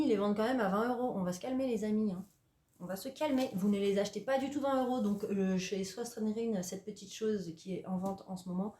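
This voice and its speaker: At home indoors, a young woman who podcasts about knitting and sewing hosts a craft vlog, chatting casually with many hesitations and playful jabs at herself. Her mid-range voice is warm, and the sound is roomy.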